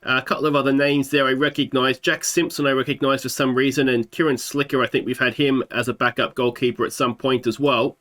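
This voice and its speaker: Brisk and barely pausing, a man's medium-pitched, fairly bright voice stays level as he commentates a football management let's play. He's an Australian gaming YouTuber in his thirties at a desk mic, slightly sore-throated, musing aloud with fillers.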